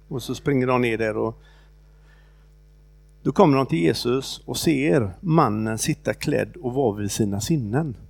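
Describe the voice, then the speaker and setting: Here a preacher casually recounts a scripture story in his own words, stopping and restarting often and leaning on fillers. His voice is mid-pitched, gravelly, and touched with fry, and the close recording carries no echo.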